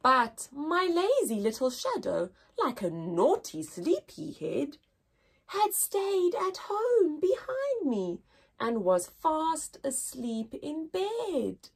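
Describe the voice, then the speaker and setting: At a slow pace, a woman whose voice sits high reads to young children as their story-time teacher. She sounds breathy and sing-song, expressive and full of overdone wonder.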